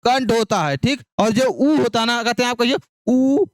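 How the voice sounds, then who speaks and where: A man's voice: very high voice, normal speed, clean tone, dry recording, clean studio sound. A male teacher giving an exam-prep phonetics lesson, drilling syllables over and over in call-and-response and asking questions he answers himself. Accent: Hindi.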